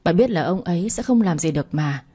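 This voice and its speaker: A woman narrating a dramatic family story in a steady, earnest storytelling manner. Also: on the low side, a little fast, husky.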